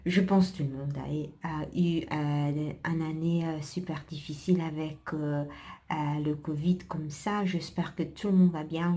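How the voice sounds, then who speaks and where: An Italian woman hosts her own podcast in her native Italian, chatting casually and hesitantly with plenty of fillers, restarts and small laughs. Her voice sits fairly low and sounds mellow.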